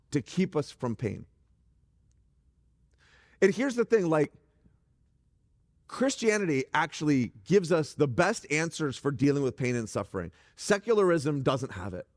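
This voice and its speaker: A middle-aged man preaches from a church stage in a chatty, conversational way, tossing jokes and asides to the congregation. His voice sits high for a man. A long reverb from the hall trails each phrase. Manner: animated, joking asides to the congregation. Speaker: pastor. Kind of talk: conversational sermon.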